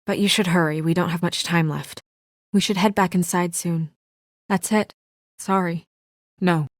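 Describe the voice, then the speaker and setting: This young woman, voiced by a game actress, is an earnest official who keeps her composure and speaks with measured restraint in naturalistic game dialogue. The fairly low, serious voice has fairly even intonation and is lightly acted, recorded close and dry without room sound.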